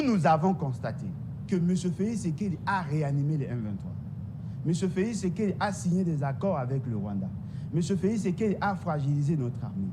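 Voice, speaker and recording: A man with a Congolese French accent argues hard in a political debate, hammering his points again and again. His voice sits a little high for a man. The audio is noisy, with a low rumble behind him. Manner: emphatic, repetitive, insistent. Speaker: political guest.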